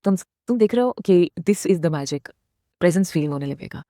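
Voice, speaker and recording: With a fairly low, mellow voice at normal speed, this woman in her thirties speaks expressively and earnestly as a vlogger, giving a heartfelt motivational talk in Hindi sprinkled with English phrases. She asks her viewers questions and addresses them directly. The recording is dry and clean, studio-like.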